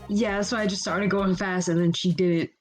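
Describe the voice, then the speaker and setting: A woman's voice: mid-range voice, fairly even intonation, brisk, soft background music, poor audio. A woman co-hosting a gaming video with casual, playful chat. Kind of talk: casual playful game commentary.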